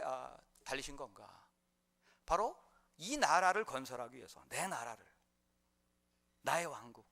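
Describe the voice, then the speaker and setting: A male preacher with a high, swooping voice. He tells the story in an animated way, full of fillers and chuckles. Preached in a church sanctuary. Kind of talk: sermon.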